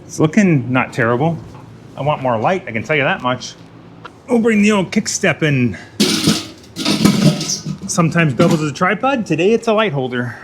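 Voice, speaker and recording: With big pitch swings in a fairly high voice, this man talks at normal speed but pauses often, over a noisy background. Hosting his own garage vlog, he chats casually to himself and viewers while working, muttering asides, sometimes whispering and joking at his own expense.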